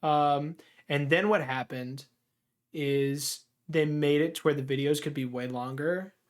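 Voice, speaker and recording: Young man, fairly high-pitched, laid-back, lots of "like" and "dude", casual stream chat. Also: fairly even intonation, unhurried. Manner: laid-back, says "like" and "dude" a lot, grumbling opinions.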